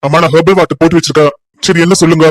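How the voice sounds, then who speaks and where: Woman putting on a chill young guy voice for a cartoon story, flat low tone, quick talker. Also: dry recording, natural voice, rough recording. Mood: easygoing. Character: young adult man, grown son, calm and easygoing.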